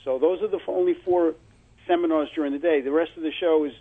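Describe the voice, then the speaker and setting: A man's voice: a little high, fairly even intonation, fast talker, slightly rough. Brooklyn man on a phone line. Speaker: phone-in guest, trade show organiser. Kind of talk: radio interview answers. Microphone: phone call. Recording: narrow, muffled phone line on radio.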